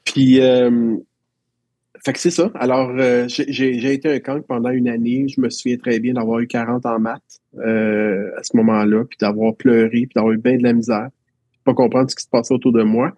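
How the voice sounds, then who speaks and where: Speaking at normal speed in a level, mellow mid-range voice, a Quebec French-accented teacher recounts his schooling in a casual interview. His reflective storytelling is full of restarts, and the recording is dry.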